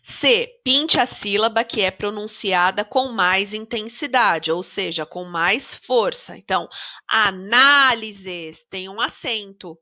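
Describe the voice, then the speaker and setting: Brazilian woman teaching small kids on a home recording; bright voice, spells out words slowly, slightly muffled sound. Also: medium pitch. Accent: Brazilian Portuguese. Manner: slow, deliberate, stretches out example words. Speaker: primary school teacher. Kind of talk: recorded remote lesson for children.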